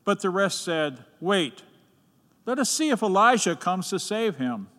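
A man reading the gospel at Mass in a slow, measured, solemn way, his voice carrying a long cathedral echo in a large church. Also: high voice, very animated, a bit bright. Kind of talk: liturgical scripture reading.

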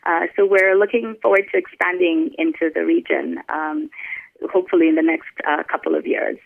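A woman from Kenya, a company founder, being interviewed over the phone and talking in a measured way with frequent ums. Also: lowish voice, fairly even intonation, gravelly, dry recording. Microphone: phone line. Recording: tinny dry phone line.

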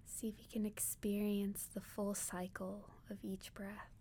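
A woman leading a guided meditation like a sleep story narrator, in a soft, breathy near-whisper, soothing and gentle, with long pauses. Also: mid-range voice, little pitch movement, a little hiss or hum.

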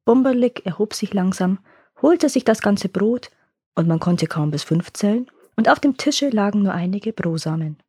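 A woman with a husky, medium-pitched voice reads a fairy tale aloud in a calm yet lively storytelling manner, slowing down for suspense. The recording is studio quality with no echo.

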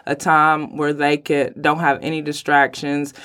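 A woman with a hoarse voice, sick lately, talking casually and emphatically as an interview guest about her own work. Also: deep voice, little pitch movement, measured pace, a bit bright. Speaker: podcast guest, writer.

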